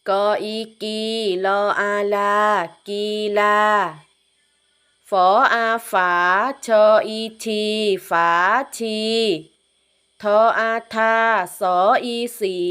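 A woman teacher leading a phonics lesson for young children, reading each syllable slowly and carefully. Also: medium pitch, a bit bright, smooth. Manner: slow, drawn-out syllable-by-syllable reading.

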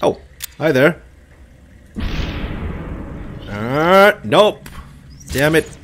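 Male gamer, thirties, highly animated delivery with slow pacing, casual exclamations over game sound. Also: slight background noise. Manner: exclamatory, reacting in short bursts to play. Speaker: video game player and commentator. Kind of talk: casual let's-play commentary. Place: indoor room, seated at a computer.

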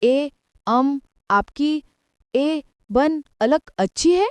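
A woman voicing a loud, bossy, excitable middle-aged woman who scolds in a shrill voice. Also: normal speed, clear, resonant tone, no room sound, lightly acted. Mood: mimicking.

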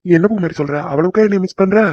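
A voice actor playing a fast-talking cartoon village son. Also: mid-range voice, a little mellow, no echo, lo-fi sound, lightly acted. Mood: warm. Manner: soothing, reassuring. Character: gentle young adult son back home from the city. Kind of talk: cartoon voice acting.

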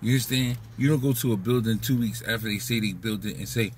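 A man's voice: fairly low pitch, quick pace, recorded from a distance, slight background noise. A man talking through a casual, profane, rambling comedic monologue as a vlog host, slipping into mocking voices. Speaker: vlogger host.

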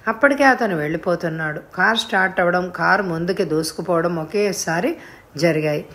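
A woman narrating a serialized novel in a calm, even storytelling voice. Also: on the low side, a little fast. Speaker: audiobook reader.

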